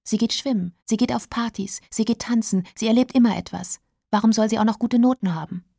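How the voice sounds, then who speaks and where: A woman's voice: medium pitch, lively intonation, moderate pace, vocal fry, warm tone, husky, no room sound, studio quality. A woman voicing a lonely, bitter teenage schoolgirl in a storybook reading, speaking tense and defiant.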